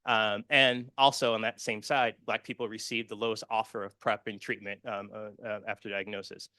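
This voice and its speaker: Earnest man with a bright voice. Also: on the low side, flat delivery, moderate pace, no room sound. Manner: earnest and personal, many fillers and restarts. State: emotional, near tears. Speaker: conference speaker. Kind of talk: conference presentation with slides.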